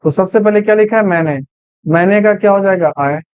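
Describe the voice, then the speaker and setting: A man's voice: high voice, fairly quick, a little mellow, clear, resonant tone, no room sound, highs cut off. A man teaching English sentence translation, patiently asking and answering his own questions step by step. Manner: patient, repeats questions to students. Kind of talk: Hindi-language grammar lesson.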